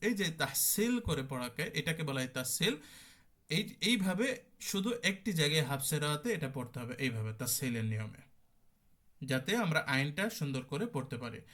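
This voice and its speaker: A man's voice: on the high side, expressive, pushed and bright. Young man teaching a tajweed class. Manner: explains slowly, drawing out and repeating sample sounds; asks and answers his own questions. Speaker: Quran recitation teacher.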